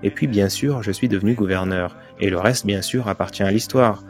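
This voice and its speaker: A man's voice: on the low side, a little fast, soft background music. A man giving a dubbed first-person motivational talk, telling his story earnestly with emphatic turns. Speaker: voice-over narrator of a motivational speech.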